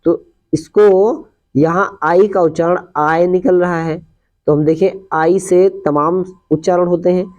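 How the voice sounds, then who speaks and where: A man teaching a pronunciation lesson, explaining step by step and slowly repeating example words. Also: high-pitched, steady tone, a little mellow. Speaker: English teacher. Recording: dull lo-fi recording.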